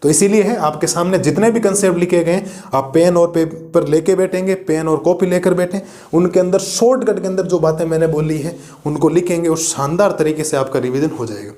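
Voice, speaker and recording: A man's voice: on the high side, a little fast, mellow. A man teaching a maths lesson to students, explaining step by step, reassuring them and asking the class rhetorical questions. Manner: reassuring and encouraging. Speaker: math teacher. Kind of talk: classroom lecture video.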